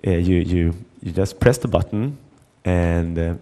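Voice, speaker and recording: Low-voiced halting conference speaker, a man. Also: dark tone. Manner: halting, repeats words, acts out dialogue. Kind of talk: conference talk with anecdote.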